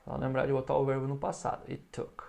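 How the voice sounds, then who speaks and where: Man teaching English, slow repeated phrases. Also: medium pitch, monotone, creaky, a little mellow. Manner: explains in Portuguese, models English phrases slowly for repetition. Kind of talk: recorded online English lesson.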